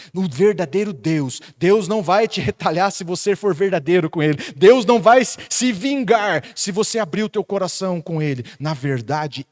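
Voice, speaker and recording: A man with a Brazilian Portuguese accent preaching a sermon as pastor, swinging between loud emphatic peaks and quiet intimate asides. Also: fairly high pitch.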